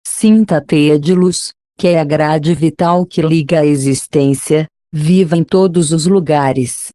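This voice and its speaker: A narrator reading a script in a soothing, measured, instructional way, like a guided meditation at a spa. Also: mid-range voice, steady tone, dark tone, dry recording, studio quality.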